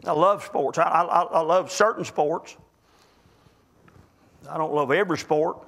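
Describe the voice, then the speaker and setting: A man preaching a sermon as pastor, emphatic, swinging between loud urgent pleading and low quiet asides. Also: measured pace, vocal fry.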